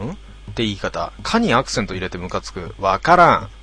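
A man casually reading out listener posts and answering each one with dry, deadpan remarks. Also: fairly low pitch, a little fast, slightly rough. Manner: deadpan, wry retorts between readings. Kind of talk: casual commentary reading comments.

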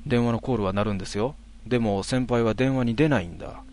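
A man telling a ghost story in a hushed voice, with drawn-out words and dramatic pauses. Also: medium pitch, a little hiss or hum.

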